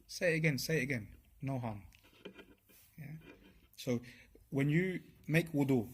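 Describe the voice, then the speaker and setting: A man's voice: medium pitch, husky. A man giving an informal religious talk to a group, speaking conversationally and often checking in with his listeners. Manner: conversational, checks in with "yeah?" and "right?". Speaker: speaker at a religious study circle.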